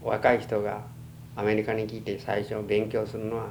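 Casting: elderly man, western Japanese accent, halting reminiscence, plain-spoken, noisy humming archival tape. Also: fairly low pitch, monotone, darkish tone. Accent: western Japanese, Chugoku. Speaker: oral history interviewee. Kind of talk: reminiscing in an interview.

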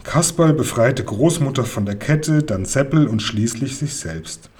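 A man narrating a children's storybook in an expressive, playful way. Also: mid-range voice, unhurried, breathy edge. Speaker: audiobook reader.

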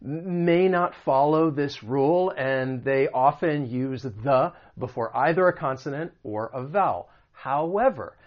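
An American man teaching English pronunciation, patiently repeating example phrases slowly. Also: medium pitch, dull audio. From United States. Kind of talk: explaining and demonstrating pronunciation.

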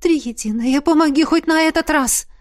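Woman reading a young queen, frantic, pleading, high-strung, dry storybook voice. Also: quick pace, a bit bright, dry recording.

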